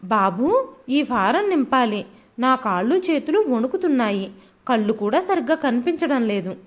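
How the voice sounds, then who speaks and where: A frail elderly father in an audio storybook, speaking softly and pleading, as a woman narrator puts him on. His lines come gentle and humble. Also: high-pitched. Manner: soft, pleading.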